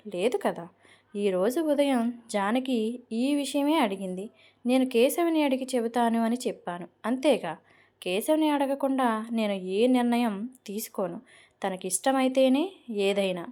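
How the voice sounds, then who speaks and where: A woman reading a calm head of the family in a storybook drama, speaking steadily and firmly. The voice is soft-toned and a bit high. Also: normal speed, natural voice. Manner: steady, firm. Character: calm, firm older man, head of family.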